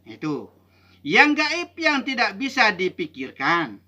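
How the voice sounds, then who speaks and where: A man's voice: sits high, wildly swooping pitch, takes it slowly, bright, forceful tone. A man from Indonesia teaching Sufi mysticism in a rhythmic, emphatic way, often ending points with "begitu". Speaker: religious teacher.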